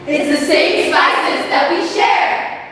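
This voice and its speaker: Casting: teenage female choral speaking group, reciting in unison, very high and slow, declamatory delivery. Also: steady tone, fairly bright tone. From Indonesia. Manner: theatrical, declamatory, emphatic. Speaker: school choral speaking team performers. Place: large echoey hall, recorded from far off. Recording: echoey hall, distant mic, background noise.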